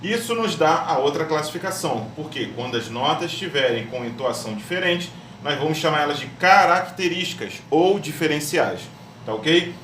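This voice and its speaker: A man's voice: fairly high pitch, lively intonation, normal speed, fairly bright tone, far from the mic. A man teaching a music theory lesson step by step, often checking in with his students. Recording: echoey room, voice off-mic, faint hum.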